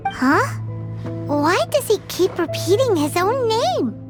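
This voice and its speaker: A woman's voice: very high-pitched, very animated, slow, over music, exaggerated voice. A woman voicing a tiny, blunt and nosy fairy companion in a video game, who talks about herself in the third person. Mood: puzzled.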